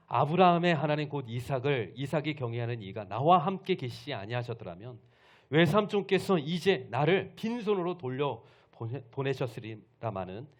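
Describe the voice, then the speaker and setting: A man voicing an indignant biblical man who loudly scolds his uncle with reproachful rhetorical questions. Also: mid-range voice, natural voice.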